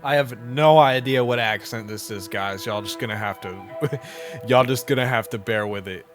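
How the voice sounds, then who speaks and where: A man's voice: fairly low pitch, normal speed, music in the background. A man giving laid-back, slangy commentary while playing a video game. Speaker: gaming commentator. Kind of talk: casual gameplay commentary.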